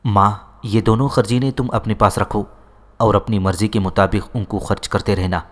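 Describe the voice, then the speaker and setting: A man with a low voice reading the lines of a courteous, gallant young man speaking to his sister-in-law and mother. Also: fairly even intonation, natural voice.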